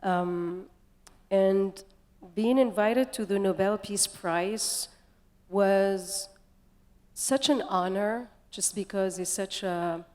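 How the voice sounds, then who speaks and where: A woman's voice: medium pitch, slow pace, dark tone. A woman from Tunisia, a singer answering interview questions in a reflective way, full of "like" and "you know". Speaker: singer and musician. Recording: long hall reverb.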